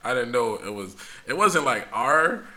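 A man co-hosting a casual podcast, telling stories with loud acted-out voices. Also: medium pitch, measured pace, echoey room. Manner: animated storyteller, acts out yelling voices. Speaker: podcast co-host.

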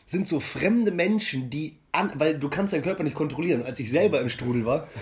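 Animated young man with a fairly high voice. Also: brisk. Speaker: podcast co-host. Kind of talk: casual chat.

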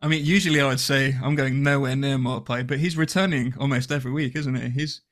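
A man's voice: medium pitch, steady tone, fast talker, fairly bright tone. A British man co-hosting a casual podcast, giving blunt opinions and joking around. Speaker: podcast co-host.

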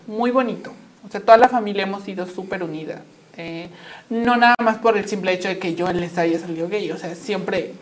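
A woman's voice: medium pitch, a little hiss or hum. Chatty Mexican woman telling stories. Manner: animated, chatty, laughs often, many fillers. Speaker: guest. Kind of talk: personal storytelling in conversation.

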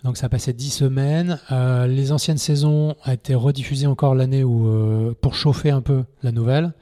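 Mellow-voiced man telling stories animatedly. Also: mid-range voice, normal speed. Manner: animated storyteller, acts out scenes in shouts. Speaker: guest, poker TV presenter. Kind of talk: casual podcast interview.

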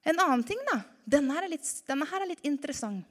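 A woman preaching a lively sermon to her congregation, full of rhetorical questions. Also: high-pitched. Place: church hall. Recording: reverberant church hall.

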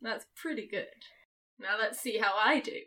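A woman taking turns in a casual quiz with a friend, friendly and quick to laugh. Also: mid-range voice, pushed and bright. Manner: friendly, giggly. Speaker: quiz player.

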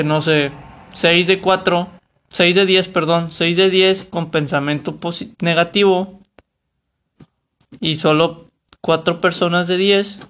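A man's voice: on the high side, fairly bright tone. A young man with a Mexican Spanish accent, talking casually to camera about a book, rambling and correcting himself. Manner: rambling, self-correcting, colloquial. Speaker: vlogger reviewing a book.

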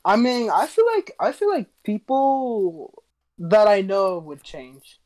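A man's voice: sits high, animated, takes it slowly, darkish tone. Laid-back joking young man. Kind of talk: casual chat.

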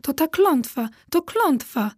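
A woman voicing an excitable, timid ghost lady of a castle, talking high and fluttery. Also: normal speed, dry recording, studio quality. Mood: frightened. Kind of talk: children's audiobook character voice.

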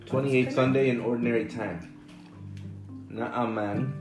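Very low-voiced sick mother, chatty. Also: lively intonation, a little fast. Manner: chatty, jokey, explains as she reads. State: sick, coughing. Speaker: mother reading the daily scripture. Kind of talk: casual family chat and scripture reading. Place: family home. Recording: roomy home recording with music behind.

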